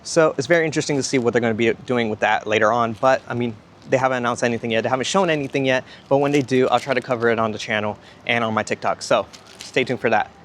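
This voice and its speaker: A man's voice: mid-range voice, steady tone, fast, a bit bright, a little hiss or hum. A young man vlogging outdoors at a theme park, rambling with enthusiasm, repeating himself and a bit out of breath. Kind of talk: casual rambling vlog talk. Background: music from nearby.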